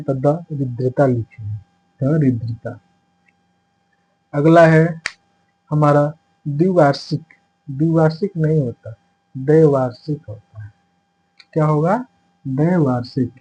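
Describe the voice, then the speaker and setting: A man's voice: fairly high pitch, darkish tone, slightly rough, rough recording. A man teaching a lesson for exam preparation, explaining each point step by step and repeating the answers as quiz questions. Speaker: Hindi teacher.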